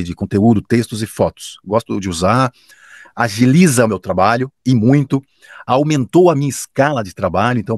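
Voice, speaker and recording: This is an enthusiastic Brazilian announcer speaking casually in an interview. His husky voice moves animatedly up and down in pitch, and he stresses his points hard. The recording is dry and close. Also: dry recording. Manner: enthusiastic, emphatic, with frequent restarts. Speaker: professional announcer and radio director.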